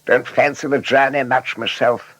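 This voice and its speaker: A man's voice: mid-range voice, fairly even intonation, normal speed, fairly bright tone, husky, no room sound, pitched above the performer's own voice. A man voicing a reluctant, grumbling male passenger in a storybook.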